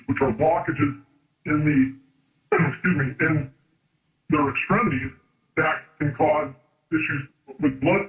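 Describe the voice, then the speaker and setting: Man with a pitch-shifted, disguised voice over a phone line. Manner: halting, with fillers and restarts. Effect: pitch-shifting voice changer to hide identity. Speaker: doctor calling in as a guest. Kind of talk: remote interview. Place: in a vehicle on the road.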